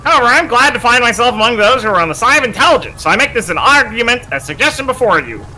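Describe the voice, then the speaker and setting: A man's voice: very high voice, big pitch swings, quick pace, pushed and bright, a little hiss or hum, voice pushed up, exaggerated voice, poor audio. A man voicing a callous, arrogant male researcher in formal, haughty speech, reading a video game's dialogue aloud. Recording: faint game music behind.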